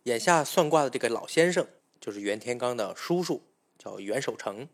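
A man telling an old folk tale aloud, chatting with the listener as he goes. His voice sits at an ordinary mid pitch, relaxed and conversational. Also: normal speed. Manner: chatty, addresses listener directly. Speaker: storyteller. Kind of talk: spoken folk-tale storytelling.

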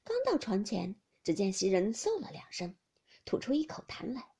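A woman's voice: mid-range voice, moderate pace, slightly rough. A woman narrating a classic novel audiobook expressively, often dropping to a whisper. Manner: expressive, with many whispered passages.

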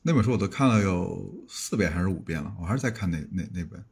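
A man's voice: sits low, expressive, quick pace, gravelly, darkish tone, husky. A man around forty, a podcast guest, talking casually and reflectively with frequent restarts. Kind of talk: casual conversation.

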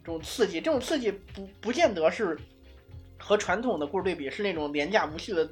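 A woman's voice: fairly low pitch, animated, brisk, soft background music. A woman co-hosting a casual podcast, talking things through in a fluent, analytical way with frequent restarts. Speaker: podcast co-host.

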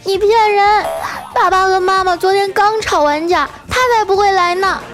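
A woman voicing her bratty young nephew in a shrill, whining tantrum, with music playing behind. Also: fairly even intonation, moderate pace, fairly bright tone. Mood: whiny tantrum. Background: background music.

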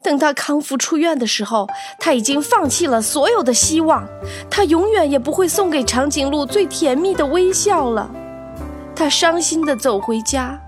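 A woman acts out a children's story in an expressive, animated scripted narration. Her voice is high and her pace moderate, with music playing underneath.

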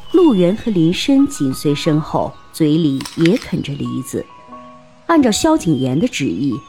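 A woman narrating a historical-fiction audiobook in an expressive storytelling manner. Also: low-pitched.

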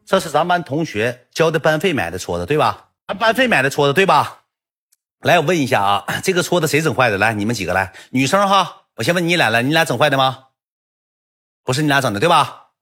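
A man's voice: a little high, big pitch swings, quick pace, bright, forceful tone, pitched above the performer's own voice, exaggerated voice. Man doing a stern interrogating teacher. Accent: Northeastern Mandarin. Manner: interrogating, commanding. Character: stern middle school teacher questioning the class.

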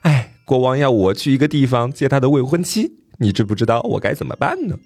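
A loyal young fairy-tale knight, weepy and despairing, as a male storyteller acts him out. He sighs plaintively, and his pitch swings widely in a dry, close recording. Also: sing-song, brisk, a little mellow, no echo. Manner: plaintive, sighing.

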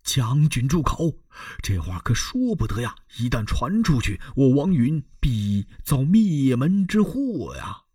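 A man voicing a cautious, scheming elderly court minister in a traditional storytelling performance, speaking slowly and persuasively in a hushed tone. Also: mid-range voice, sing-song, husky, dry recording, studio quality, pitched above the performer's own voice. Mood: alarmed.

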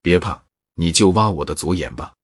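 A wise, sorrowful spirit snake from a storybook speaks, voiced by a man telling the tale. The voice is low and husky. The sound is dry and close, with no room around it. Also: expressive, moderate pace, dry recording. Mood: earnest. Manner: plain storyteller's voice with little change. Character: giant grateful talking spirit snake, sorrowful.

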